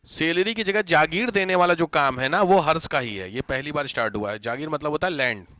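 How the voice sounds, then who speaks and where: A male teacher giving an exam-prep history lesson, dictating notes slowly, spelling words out letter by letter and repeating every term. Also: fairly high pitch, pushed and bright, no echo.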